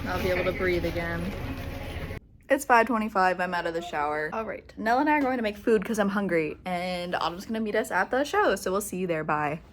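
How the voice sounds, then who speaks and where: A young woman giving quick casual vlog updates to a handheld phone camera at a convention. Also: fairly low pitch, lively intonation, noisy background. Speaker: cosplay vlogger. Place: convention and hotel. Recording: loud music behind.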